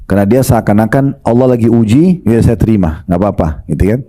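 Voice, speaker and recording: Male preacher, very warm mellow voice, lively storytelling sermon to the congregation. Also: on the low side, fast. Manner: lively, retells stories and addresses the congregation.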